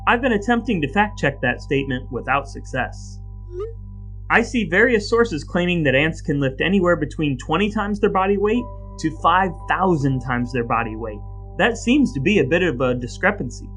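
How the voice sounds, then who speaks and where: With soft music underneath, a man co-hosting a podcast uses a fairly high pitch, lively intonation, a moderate pace, and a fairly bright tone. It's scripted dramatic reading blended with banter, all delivered in a playfully mock-solemn way.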